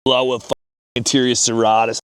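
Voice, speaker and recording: A man's voice: medium pitch, level tone, a little fast, clear, resonant tone, no room sound. Joking man giving gym tips. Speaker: friend giving gym advice. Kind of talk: casual chat. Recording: noisy public place with crowd.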